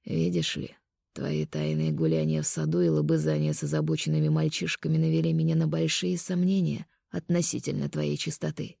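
A woman voicing a cruel male conqueror in an audiobook, speaking low, hushed and taunting. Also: big pitch swings, brisk, creaky, dry recording, clean studio sound, heavily acted. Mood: cold menace. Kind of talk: audiobook character voice.

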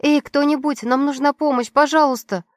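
A woman voicing a young female prisoner who pleads and shouts in an audiobook. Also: fairly high pitch, brisk, no room sound, clean studio sound, voice pushed up, close to an everyday voice. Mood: pleading.

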